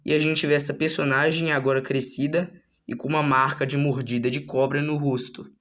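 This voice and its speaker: A man casually retelling the story of his own manga, relaxed and slangy, with frequent filler tags. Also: on the high side, a little fast. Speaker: manga author.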